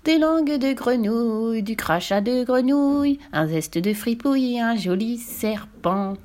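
Woman putting on an old storybook witch, shrill, vain, furious, gloating. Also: animated, natural voice. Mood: sing-song. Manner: theatrical, shrill insults, drawn-out gloating.

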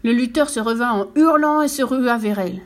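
Woman reading a kids story aloud, lively, voice a bit high. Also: brisk. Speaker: narrator. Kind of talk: storybook narration.

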